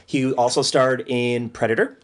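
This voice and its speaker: A man's voice: medium pitch, steady tone, normal speed. A man from Ohio, a podcast co-host, talking casually and enthusiastically about movies and laughing often.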